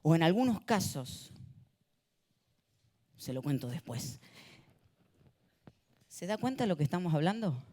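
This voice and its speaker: A male pastor giving a sermon in a church, animated and having the congregation repeat words after him. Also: fairly high pitch, measured pace, long pauses. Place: church auditorium. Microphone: handheld or stage mic.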